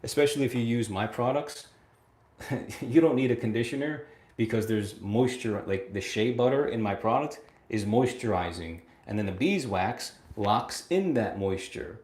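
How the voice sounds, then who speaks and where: An American man in his late twenties hosts a livestream, reading viewer comments aloud and answering them. His voice is a little low with a darkish tone and normal speed, and he laughs often, repeats himself and keeps asking "right?". The sound rings around an echoey room.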